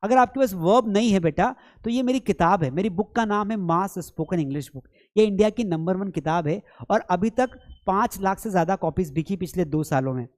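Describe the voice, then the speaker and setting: A man's voice: high-pitched, a little fast. A man with an Indian accent, a Hindi speaker, giving a chatty, teasing online English lesson, his voice strained from an hour of talking. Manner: chatty, teasing, addresses students as beta. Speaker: spoken English teacher. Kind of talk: live online lesson, playful lecturing.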